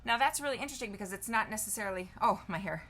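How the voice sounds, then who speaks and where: Here a woman in her 50s speaks at a racing pace in a medium-pitched, somewhat bright voice, with a bit of hiss or hum audible. She's a vlogger casually demonstrating on camera, chatting, thinking aloud while typing, and reading out what appears on her screen.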